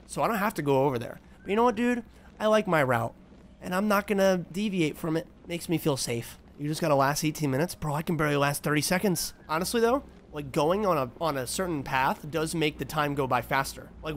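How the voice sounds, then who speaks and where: A man's voice: fairly high pitch, a little hiss or hum. A young man streams a horror game in a casual, jittery mutter, often repeating himself and cursing. He sits at a close mic indoors, with faint game ambience behind him. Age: 20s. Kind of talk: casual live gameplay commentary. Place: small indoor room, seated at desk.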